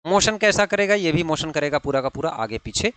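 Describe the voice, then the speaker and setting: A man's voice: fairly high pitch, expressive, brisk, a bit bright, clear, resonant tone, no echo. Man teaching, quizzing himself aloud. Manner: question-and-answer teaching, asks then answers himself; frequent checking tags, repeats key terms. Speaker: ITI fitter exam teacher. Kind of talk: online classroom lecture.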